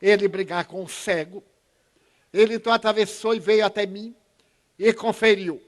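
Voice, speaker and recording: A man in his eighties with a Bahian Brazilian accent speaks in a fairly high voice. He gives an inspirational talk, telling anecdotes and acting out the other speakers with changing pitch and loudness. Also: steady tone, moderate pace. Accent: Bahian Brazilian Portuguese. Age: 80s. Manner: storytelling, acts out dialogue with shifts in pitch and volume. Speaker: spiritist speaker.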